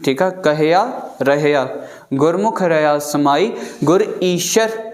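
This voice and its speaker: A man teaching a recitation class, chanting lines slowly word by word and checking often that the students follow. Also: on the high side, lively intonation. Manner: slow syllable-by-syllable recitation, repeatedly checking with students. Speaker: Gurbani pronunciation teacher.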